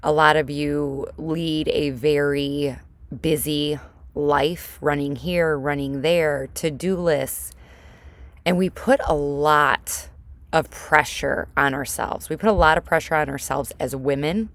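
A woman with a low voice talks slowly and casually, as if guiding a friend through a moment of reflection. She poses direct questions and leaves pauses for breathing. The sound is very dry and enclosed, recorded inside a small closet at home. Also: fairly even intonation, dry recording. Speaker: host of a personal solo recording for women and mothers. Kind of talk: casual reflective monologue, motivational.

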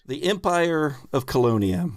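Running a tabletop roleplaying game as host and game master, he narrates with loose, improvised wording and dramatic emphasis on the story. His voice is on the high side, animated and a little slow, recorded clean at studio quality with no room sound.

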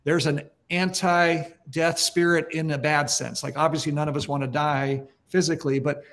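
A man's voice: on the high side, little pitch movement, moderate pace, a bit bright. A middle-aged man, a pastor, telling stories in an earnest, emphatic, conversational way during a podcast interview.

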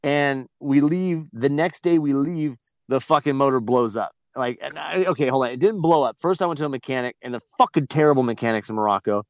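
A blunt man tells a story in casual conversation, swearing freely and circling back on himself with restarts. His pitch sits in an ordinary middle range for a man. The sound is dry and close, with no room echo. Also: a little fast. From United States. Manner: blunt and heavily profane, rambling with restarts. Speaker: podcast guest.

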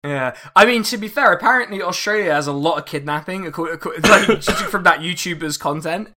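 A man with a fairly high, bright voice talks through a grim history topic in a loose podcast chat. He is wry and profane and breaks into laughter often. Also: brisk. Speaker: podcast host.

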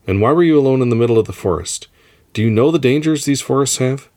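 A man voicing a forceful, caring young woman stranded on an alien planet, speaking urgently and insistently. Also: medium pitch, animated, quick pace, pitched above the performer's own voice, natural voice. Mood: brisk.

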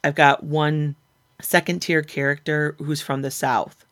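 An animated woman talks frankly as a podcast guest, voicing her own inner arguments in lively little quoted asides. The chat is casual and self-mocking. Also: sits low, unhurried.

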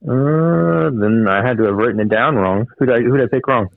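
A man's voice: medium pitch, a little fast, vocal fry, no room sound. A man calling into a casual chat over a flip phone, laid-back and easygoing. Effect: tinny flip phone call audio. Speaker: podcast co-host calling in. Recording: tinny flip phone line.

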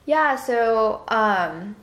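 A woman's voice: a little high, animated, extremely slow, fairly bright tone. A young woman in her twenties chats casually as a podcast co-host, talking loosely with plenty of fillers. Her voice carries some room echo. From Hong Kong. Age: 20s. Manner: chatty, with frequent fillers. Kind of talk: casual chat. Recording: roomy echo.

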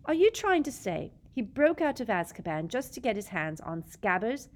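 A woman's voice: big pitch swings, moderate pace, close to an everyday voice. A woman reading aloud and voicing a nervous, skeptical teenage boy in a storybook. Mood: incredulous. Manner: weak, incredulous, high.

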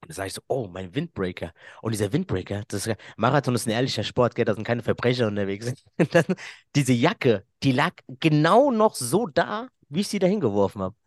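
A man's voice: medium pitch, lively intonation, fairly quick, dry recording, clean studio sound. A man, a podcast guest who tells a story in casual chat, laughs often and acts out what people said.

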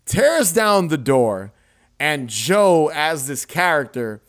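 A young adult man hosting a podcast, retelling a film scene in a casual, animated way with laughs and swearing. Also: a little high, slow pace. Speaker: podcast host. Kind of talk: casual chat.

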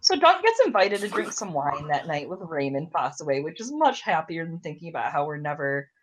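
A woman's voice: low-pitched, sing-song, fairly quick, slight background noise. A young woman hosting a podcast, chatting casually and ranting with frequent swearing. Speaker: podcast host.

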